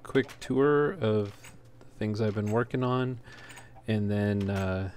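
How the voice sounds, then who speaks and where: Slow and a little mellow, a fairly low male voice offers relaxed, unscripted commentary while playing through a game on video, with some hesitancy. The recording was made at home and is noisy, with clear background noise.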